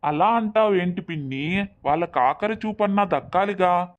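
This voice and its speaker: A woman's voice: lowish voice, normal speed, phone-quality sound, voice pushed down, natural voice. A woman voicing a concerned village man asking his aunt questions.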